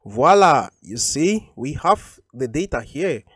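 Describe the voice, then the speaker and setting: A man's voice: a little high, sing-song, slow, a bit bright, breathy edge, no room sound, clean studio sound. A man teaching a coding tutorial over a screen recording, explaining patiently and repeating each point with frequent ums.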